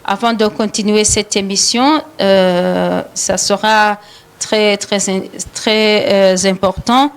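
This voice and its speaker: A Rwandan woman with a Rwandan French accent hosts a live studio talk show on the radio, often pausing on fillers and repeating words. Her voice is medium-pitched and clean, with fairly even intonation.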